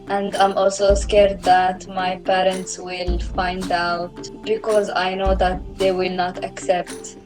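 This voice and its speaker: An anonymous interviewee speaking through an electronically altered voice, answering in a slow, halting way. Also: medium pitch, poor audio.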